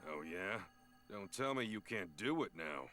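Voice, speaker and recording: A man voicing a small talking creature with a devoted father's mind, earnest and expressive, in video game cutscene dialogue. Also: low voice, measured pace, full character voice. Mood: wry, resolved. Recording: music behind the voice.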